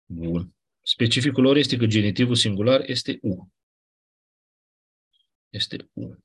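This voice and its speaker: A man teaching a class, explaining grammar rules patiently, often checking that students follow and clearing his throat now and then. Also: medium pitch, a bit bright. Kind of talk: classroom lecture on Ancient Greek grammar.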